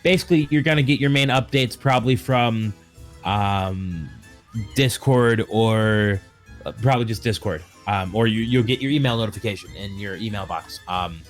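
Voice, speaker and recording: The host, a tabletop game master with a lowish voice, runs a casual stream and talks at normal speed with faint music in the background. His announcements wander, full of jokes and self-interruptions.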